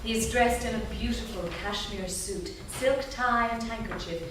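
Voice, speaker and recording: Speaking at normal speed in a voice that's a little high, a woman serves as narrator for a staged reading, reading the stage directions aloud on a theatre stage before an audience. The audio is distant and echoey, with faint background noise.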